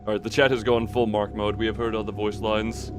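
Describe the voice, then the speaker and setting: A man with a lowish voice talks fairly quickly in a flat delivery. He hosts a livestream, chatting casually in an exclamatory, playfully exasperated way, with loud background music behind his voice.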